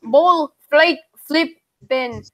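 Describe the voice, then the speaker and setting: A woman voicing a furious, pompous internet story author, in a put-on Southern accent and a grandiose, drawn-out rant. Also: high voice, bright, forceful tone, pitched above the performer's own voice, exaggerated voice. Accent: put-on American Southern. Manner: ranting, grandiose, slow and drawn out. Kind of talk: dramatic reading of a forum post.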